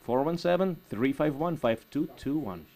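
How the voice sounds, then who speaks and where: A man co-hosting a call-in talk radio show, speaking in a halting, folksy way with many restarts. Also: fairly high pitch, lively intonation, a little mellow. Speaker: radio co-host.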